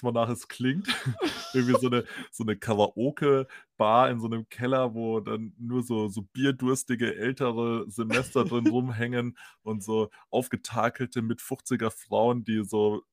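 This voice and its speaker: A man's voice: mid-range voice, steady tone, normal speed, no room sound, studio quality. A man telling an anecdote in casual podcast chat. He talks animatedly, laughs often and acts out the people he quotes. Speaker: podcast host.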